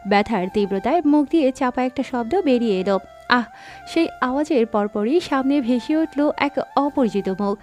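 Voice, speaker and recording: A woman narrates a dramatic audio story in a steady reading voice, a little higher than average. Soft background music runs beneath her throughout. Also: normal speed.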